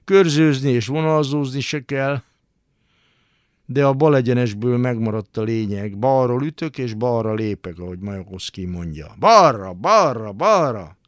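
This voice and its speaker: A man voicing a brash, cocky young male survivor who talks roughly and teasingly, in a literary radio reading. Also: mid-range voice, animated, no echo, studio quality, lightly acted. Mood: boastful. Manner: rough, teasing, swears casually.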